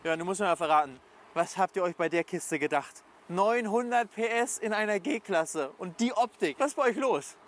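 A man presenting a car video and interviewing a guest, asking energetic, punchy questions. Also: sits high, normal speed.

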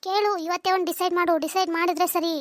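A voice artist playing an angry young village wife, whose shrill, accusing voice is raised by a cartoon pitch effect. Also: level tone, rapid-fire. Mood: demanding. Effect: sped-up, high-pitched cartoon voice effect. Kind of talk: comic cartoon dialogue.

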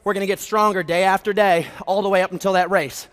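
He talks fast in a high, steady, clear and resonant voice: an American fitness instructor in his twenties leading a group workout. Straining as he trains alongside them, he delivers hyped gym-bro cues and countdowns via headset across a large, echoing brick warehouse gym.

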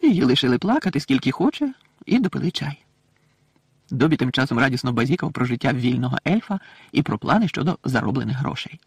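Male audiobook narrator, lively expressive reading, gravelly husky voice, dry close recording. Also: mid-range voice, fast talker, dry recording. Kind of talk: scripted narration.

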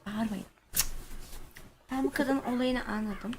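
A woman's voice: fairly high pitch, slow. A young woman streaming a horror game, chatting casually with a friend and swearing or shrieking when startled. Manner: jumpy, swears and shouts when scared. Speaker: gaming streamer. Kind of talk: casual let's-play chat. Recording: noisy gaming stream audio.

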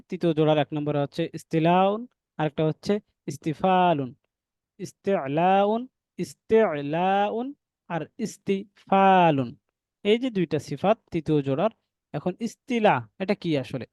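In an online class, a man teaches Quran recitation step by step, slowly sounding out letters and calling his listeners dear brothers. His voice is high-pitched with a dark tone, and there is no echo.

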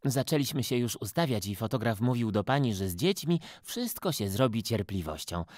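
Casting: lively man reading a children's story, very varied pitch, dry close sound. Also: no echo. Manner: animated, expressive narration. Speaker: storyteller, theatre and dubbing actor.

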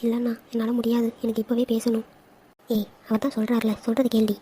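A woman's voice: on the high side, monotone, fast talker, mellow, a little hiss or hum, lightly acted. A woman voicing a lovestruck young sister in a cartoon, emotional and playful. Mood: pleading. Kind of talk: cartoon dialogue acting.

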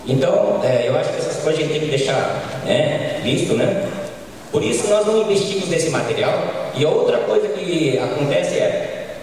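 A middle-aged Brazilian man giving an informal conference lecture on a handheld microphone, often ending points with quick tag questions. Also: on the high side, lively intonation, darkish tone, a little hiss or hum. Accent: Brazilian Portuguese. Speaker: agronomist lecturer. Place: large conference hall. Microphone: handheld mic, filmed from far. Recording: echoey hall from far off.

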